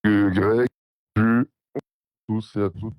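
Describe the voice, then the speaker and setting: A man calling in over the phone, his voice disguised deep by a voice changer and muffled, fumbling with his audio in a casual chat. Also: fairly even intonation, unhurried, dry recording. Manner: confused, struggling with his audio. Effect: voice changer making the voice deep and muffled. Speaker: remote co-host calling in. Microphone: phone with earphones. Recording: distant phone line.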